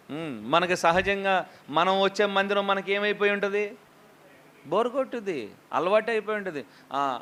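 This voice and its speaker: A man preaching a lively sermon as a pastor, questioning the congregation and acting out quotes. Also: a little high, slight background noise.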